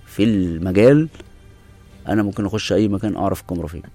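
A man's voice: low-pitched, fast talker, mellow, faint music behind. A man with an Egyptian Arabic accent explaining things casually as an interview guest. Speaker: interview guest, camera specialist.

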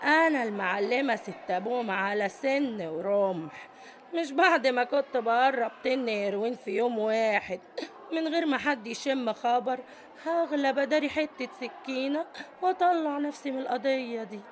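Brief: woman as domineering Egyptian lady prison boss, higher voice, bossy and scolding, faint hiss. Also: expressive, normal speed, natural voice. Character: tough domineering middle-aged female prison boss.

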